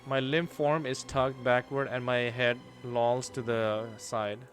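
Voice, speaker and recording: A young man streaming a game, reading the story aloud and reacting with casual swearing and loud outbursts. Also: mid-range voice, level tone, takes it slowly. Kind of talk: let's play commentary and reading aloud. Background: game music.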